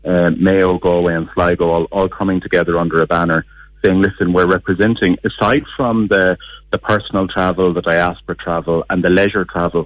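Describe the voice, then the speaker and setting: A man's voice: low voice, no echo, muffled recording. A man giving a radio interview as a business spokesman, speaking in an earnest, articulate way and repeating words for emphasis. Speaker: business chamber chief executive, interview guest.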